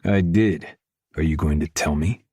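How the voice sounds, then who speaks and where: A man reading a first-person romance audiobook in a low, intimate, measured way, close to the mic. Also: a little mellow, slightly rough, no echo. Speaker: audiobook narrator.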